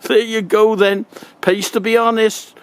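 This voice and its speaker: A man's voice: high voice, little pitch movement, a little slow, smooth, no room sound. An older man with a Wiltshire accent telling a humorous anecdote in a folksy, colloquial, casual way. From Wiltshire, England. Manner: folksy, chuckling, colloquial rural turns of phrase. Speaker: comic storyteller.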